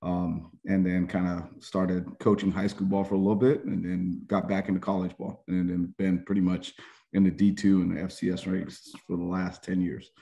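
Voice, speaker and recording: A man's voice: low-pitched, flat delivery, moderate pace, vocal fry, mellow. A middle-aged man from Hawaii, a college football coach, introducing himself earnestly and plainly on a video call from home. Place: home room indoors. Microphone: video call webcam.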